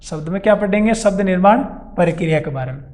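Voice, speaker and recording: A man's voice: sits high, lively intonation, fast talker, a little mellow, slight background noise. A man with a Rajasthani Hindi accent teaching a grammar lesson. He repeats key terms and asks and answers his own questions. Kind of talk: classroom-style grammar lesson. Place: classroom or coaching center.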